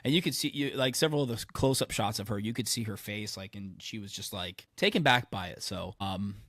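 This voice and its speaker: A man's voice: lowish voice, fairly quick, a bit bright, dry recording, studio quality. Casual male podcast host with a head cold. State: getting over a head cold.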